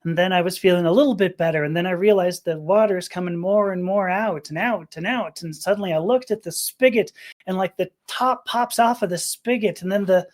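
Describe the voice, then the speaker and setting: A woman's voice: on the low side, brisk, a little mellow. A middle-aged woman from Los Angeles, a podcast guest telling a personal story in a rambling, emotional way with restarts and laughter. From Los Angeles, USA.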